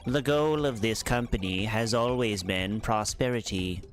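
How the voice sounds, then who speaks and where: A cold corporate supercomputer speaks in a flat, mechanical robot voice, put on by a man reading along with a game. It talks slowly and evenly, dropping beeps between its words. Faint game music plays underneath. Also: fairly low pitch, lightly acted. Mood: menacing.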